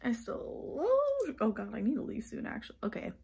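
A woman's voice: fairly high pitch, wildly swooping pitch, normal speed, creaky, a little mellow, breathy edge. Chatty young college woman vlogging. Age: 20s. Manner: chatty, filler-heavy, upbeat. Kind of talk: casual vlog chat.

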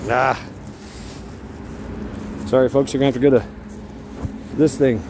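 Passing cars and street sounds surround this middle-aged American vlogger as he strolls a neighborhood sidewalk, phone held at arm's length. In a mid-range, steady voice he chats in a rambling, halting way, stopping now and then to speak to his dog.

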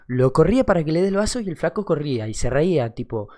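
Animated young Argentine man telling a story. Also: a little high, fast talker. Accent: Argentine Rioplatense. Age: young adult. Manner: slangy, swearing, animated. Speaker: streamer telling an anecdote. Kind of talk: casual storytelling.

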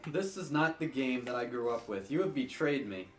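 Sarcastic young man with a lively voice. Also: medium pitch, normal speed, a little hiss or hum. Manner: sarcastic, swearing, mock-dramatic complaints. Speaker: player in a gaming video. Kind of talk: casual banter while playing a party game.

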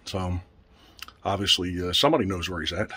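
A low-voiced man with a husky edge speaks to his handheld camera outdoors. He sounds a little out of breath, relaxed and plain-spoken, filling gaps with short pauses as he walks through his day. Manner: relaxed, matter-of-fact, with filler pauses. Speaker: hunting vlogger. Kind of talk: casual vlog narration. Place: cabin porch, then in the woods outdoors.

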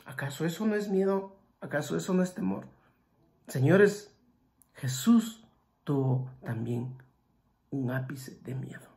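Gravelly-voiced preacher man, dramatic. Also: on the high side, expressive, measured pace, pauses often. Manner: swings between loud exclamations and hushed, near-whispered passages; speaks to listeners directly with rhetorical questions. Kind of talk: sermon.

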